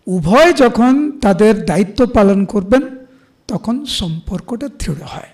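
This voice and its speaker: A middle-aged preacher with a Bengali accent and a rather high voice leads a devotional class. He moves between everyday examples and slow, chant-like verse recitation. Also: expressive, a little mellow. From India.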